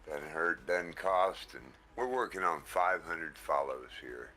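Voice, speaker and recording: Guy streaming on a headset mic, low voice, bright edge, slow easy chatter. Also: expressive, faint music behind. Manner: slow, easygoing, thanks viewers often. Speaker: livestream host. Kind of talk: casual livestream chat.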